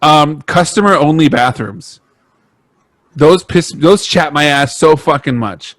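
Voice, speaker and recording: Young male co-host, dramatic and profane in his rants; slightly high pitch, dry close mic. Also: a little slow, fairly bright tone, no room sound. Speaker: podcast co-host. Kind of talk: casual chat.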